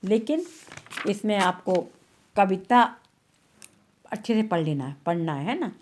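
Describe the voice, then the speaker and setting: A woman's voice: mid-range voice, very animated, measured pace, darkish tone, slight background noise. A woman teacher giving an online class, patiently repeating words and checking that pupils follow.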